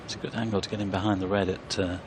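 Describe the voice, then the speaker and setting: A man's voice: low voice, level tone, rapid-fire. A man giving live commentary on a snooker match as play unfolds. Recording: clear background noise.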